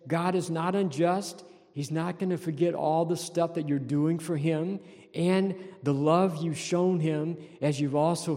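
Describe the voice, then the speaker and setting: A man's voice: fairly high pitch, warm tone, long reverb tail. A man preaching a sermon as pastor, earnest and repeating key phrases for emphasis. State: throat tickle, clearing throat.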